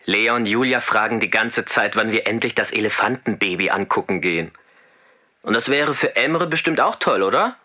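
A man's voice: on the low side, expressive, normal speed, muffled recording. A man leaving a friendly, casual message on an answering machine in a scripted listening recording. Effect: message left on an answering machine.

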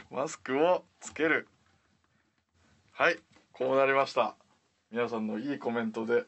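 Polite, relaxed male co-host with a slightly husky mid-range voice. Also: mid-range voice, takes it slowly, long pauses. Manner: polite, easygoing, laughs along. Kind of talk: casual livestream banter.

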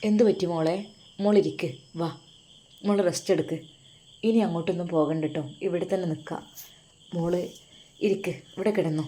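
Father figure read by a woman storyteller: middle-aged, gentle, reassuring, mellow tone. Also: fairly low pitch, steady tone, a little fast, pauses often, natural voice. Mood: soothing. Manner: soothing, reassuring.

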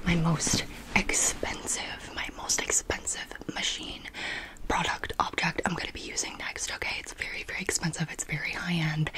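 A young adult woman in a whispered role-play as a massage therapist, giving fast, repetitive ASMR patter and short instructions. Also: on the low side, a bit bright, low-quality recording. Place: bedroom, indoors.

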